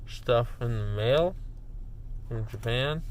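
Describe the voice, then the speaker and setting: A man's voice: medium pitch, takes it slowly, slight background noise. A man chatting casually to his vlog audience, groggy after dental surgery, his words muffled by a numb, packed mouth. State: groggy after wisdom teeth removal. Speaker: card-collecting video host.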